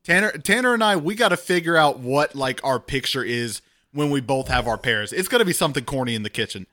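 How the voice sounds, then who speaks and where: A man co-hosting a podcast in casual chat, talkative and self-deprecating with quick asides. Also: mid-range voice, expressive, bright, forceful tone. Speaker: podcast co-host.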